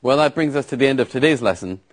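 A man's voice: mid-range voice, lively intonation, fast talker, background noise. A man teaching vocabulary and grammar in a lesson, explaining patiently with examples. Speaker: language teacher.

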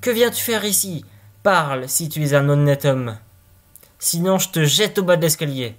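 A man's voice: fairly high pitch, lively intonation, moderate pace, close to an everyday voice. A man reading a fairy tale aloud, voicing a simple-minded young man who cannot feel fear, with a naive and puzzled manner. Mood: challenging.

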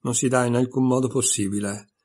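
A man's voice: medium pitch, fairly even intonation, fairly quick, darkish tone, slightly rough, close to an everyday voice. A man reading aloud and voicing a pompous, quarrelsome little twin who speaks with open contempt. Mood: contemptuous. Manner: contemptuous, emphatic.

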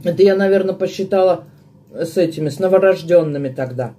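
A woman's voice: on the low side, brisk, dark tone. A woman vlogger chatting casually to her viewers with her mouth full as she eats at home, in a homely, talkative way. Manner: chatty, homely, talks between bites. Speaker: mukbang vlogger. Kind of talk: casual chat to viewers while eating.

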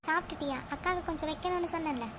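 A woman's voice: extremely high pitch, rapid-fire, background noise. A woman voicing a strict mother in a cartoon who scolds her two daughters and settles their quarrels. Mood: scolding. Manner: scolding, stern.

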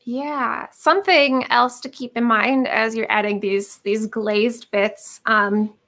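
A woman's voice: a little high, steady tone, slow, a bit bright. A woman hosting a live art stream, chatty and hesitant, with frequent ums. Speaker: livestream host. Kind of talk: casual livestream chat. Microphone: computer microphone on a video call.

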